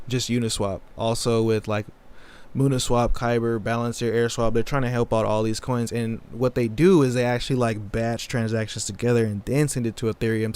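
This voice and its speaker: A man's voice: medium pitch, a little mellow, smooth. A man hosting a casual livestream, answering chat questions in a laid-back, slangy way. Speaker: crypto livestream host.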